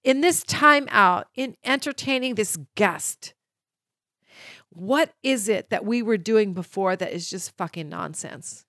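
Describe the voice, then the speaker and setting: A woman's voice: medium pitch, unhurried, a bit bright, no echo, clean studio sound. A middle-aged woman co-hosting a casual podcast chat, playful, laughing often and swearing casually. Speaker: co-host.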